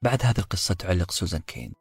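Deep husky male podcast narrator. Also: sing-song, very fast, dry recording, studio quality, soft background music. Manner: reflective storytelling, addresses listeners directly. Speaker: podcast host. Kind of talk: book summary narration.

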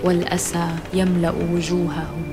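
A narrator reading a scripted children's adventure story in a measured storytelling style. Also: male voice, high-pitched, flat delivery, over music.

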